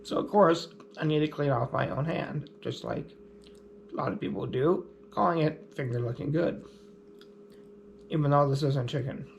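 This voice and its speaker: Speaking in a relaxed explanatory vlog style, this man takes his time and keeps things plain with a light touch of humor. His voice is a bit high and gravelly, with faint room noise in the background.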